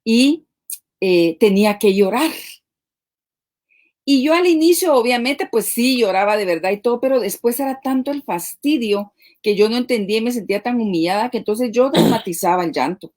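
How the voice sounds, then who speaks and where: A woman's voice: a little high, lively intonation, moderate pace, a little mellow. A woman co-hosting a live-streamed marriage talk, speaking conversationally and often checking in with rhetorical asides. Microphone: live stream microphone.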